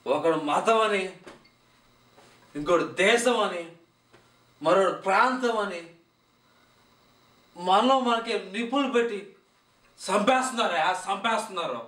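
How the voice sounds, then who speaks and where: A man's voice: sits high, animated, slow pace, pauses often, bright, forceful tone, full character voice. An actor playing a drunk poor man who rants at corrupt politicians, repeating his words for emphasis. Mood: ranting. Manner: ranting, repeating phrases for emphasis. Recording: echoey room, mic at a distance.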